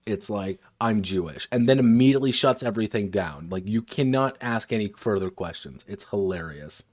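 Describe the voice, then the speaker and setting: Low-voiced man rambling on a stream. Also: animated, normal speed, a little mellow, dry recording. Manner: rambling, wandering asides with frequent restarts. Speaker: game designer streaming a workshop. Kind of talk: casual livestream chat.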